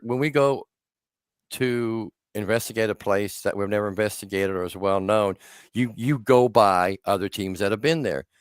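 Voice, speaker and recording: Rambling man in his sixties, smooth low voice. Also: no room sound, clean studio sound. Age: 60s. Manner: rambling, self-interrupting storyteller. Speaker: podcast host. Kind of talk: casual podcast chat.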